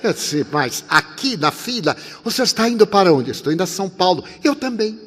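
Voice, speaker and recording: An older man in his eighties preaches in a high, bright voice that rings with a long hall reverb. He tells his story animatedly, dropping to a hush and rising again as he acts out each exchange. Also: a little fast. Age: 80s. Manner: animated, swings from loud to soft, acts out dialogue. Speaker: spiritist speaker. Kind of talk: sermon with storytelling.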